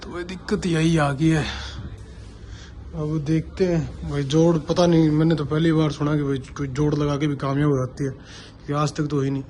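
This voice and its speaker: A vlogger who installs CCTV talks to his viewers casually while on location at work sites, explaining things informally as he works. His fairly high, mellow voice has a certain flavour, a level tone and normal speed. Traffic and other location noise are clearly audible.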